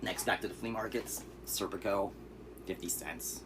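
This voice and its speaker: Showing off his bargain movie haul, this man rambles at a normal pace in a very deep, raspy voice. His casual vlog is easygoing, dotted with fillers and side comments, and a constant noise hums clearly behind him.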